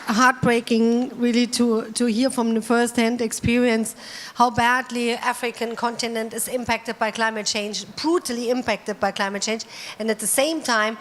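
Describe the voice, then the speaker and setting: A woman moderates a conference panel in a fairly high voice. She speaks in an earnest, emphatic way as she hands over the floor. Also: steady tone, moderate pace.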